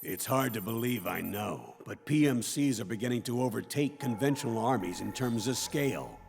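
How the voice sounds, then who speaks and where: A man playing a grave, commanding middle-aged military officer who delivers a measured video game mission briefing. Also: medium pitch, lively intonation, gravelly, a little mellow, faint music behind.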